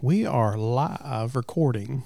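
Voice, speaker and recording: Casual male host on a farm, creaky low-key talker, dry sound, folksy and halting. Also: mellow, no echo. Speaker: podcast host. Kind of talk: casual chat. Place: at a family farm.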